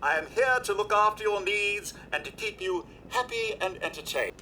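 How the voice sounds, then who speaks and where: Chirpy robot butler from a game, super polite, high and bright, bouncy. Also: male voice, lively intonation, normal speed, a little hiss or hum, rough recording. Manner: formal, courteous, cheerful. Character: polite male robot butler, eager to serve.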